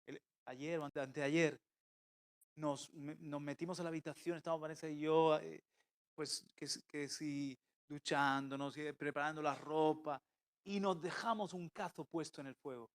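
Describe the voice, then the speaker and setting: A man preaching a sermon as pastor, swinging between loud emphatic calls and quiet intimate asides. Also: on the high side, steady tone, normal speed. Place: church.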